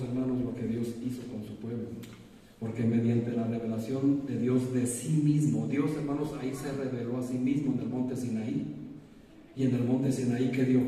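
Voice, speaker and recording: A pastor with a mellow, medium-pitched voice preaches a sermon in a church sanctuary, asking his congregation rhetorical questions. He stands far from the mic, so the hall sounds echoey, and there is slight background noise.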